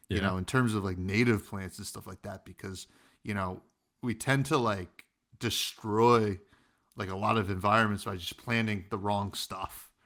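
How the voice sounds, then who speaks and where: A man's voice: on the low side, fairly bright tone. A man co-hosting a casual podcast, talking animatedly with many fillers and acting out quotes. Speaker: podcast co-host.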